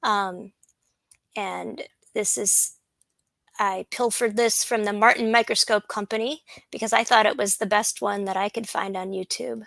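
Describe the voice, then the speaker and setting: A woman botanist giving an unhurried slide lecture, with frequent ums and restarts. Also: mid-range voice, fairly even intonation, vocal fry, a bit bright, no echo, rough recording. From USA.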